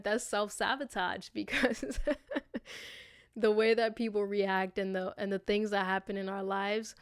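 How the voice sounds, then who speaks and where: This podcast host has a medium-pitched, clear and resonant voice, recorded cleanly in a studio with no echo. She talks straight to her listeners with affection, informal and slangy, cursing freely in a casual motivational monologue about self-reflection.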